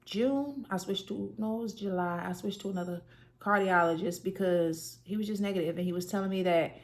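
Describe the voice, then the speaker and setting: A woman's voice: medium pitch, brisk. A woman in her thirties sharing her own story in casual talk, earnest and conversational with many fillers. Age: 30s. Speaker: person sharing a health story. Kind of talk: casual personal testimony.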